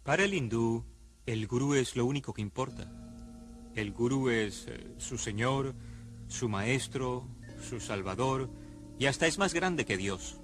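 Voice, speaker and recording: A man calmly explaining in a dubbed documentary interview. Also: medium pitch, measured pace, soft background music.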